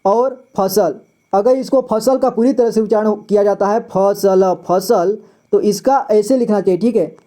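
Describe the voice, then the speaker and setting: Man, teacher, reading lesson, patient, slow repeated syllables, warm mellow tone. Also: sits high.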